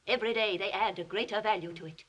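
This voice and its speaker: An actress playing a domineering, coldly scheming wealthy older sister in a 1930s film melodrama, with an imperious, clipped, insinuating manner. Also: female voice, medium pitch, fast, a bit bright, dull audio, natural voice. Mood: haughty, insistent.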